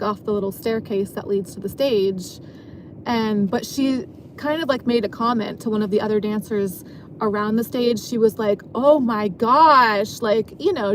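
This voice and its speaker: A woman's voice: mid-range voice, a little mellow, a little hiss or hum, poor audio. A woman who works as an exotic dancer, telling a story from her job in a rambling, casual way, full of filler words. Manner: rambling, many filler likes.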